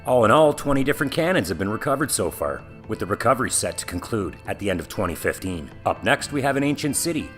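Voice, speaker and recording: A man with a fairly low voice narrates a scripted facts video in an upbeat, lightly playful way. Soft music plays quietly beneath his voice. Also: very animated, quick pace, hardly any pauses. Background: background music.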